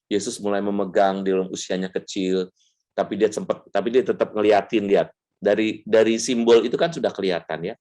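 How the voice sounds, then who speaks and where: A man's voice: fairly low pitch, darkish tone. A middle-aged man, a priest, giving a conversational faith talk and telling stories animatedly, acting out the quotes.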